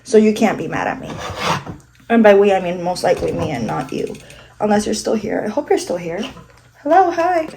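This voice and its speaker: A woman's voice: mid-range voice, big pitch swings, fairly quick, creaky, noisy background. A congested young woman filming a casual makeup vlog at home, rambling and joking about herself with casual swearing. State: congested, sniffling. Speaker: vlogger. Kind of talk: casual get-ready-with-me chat.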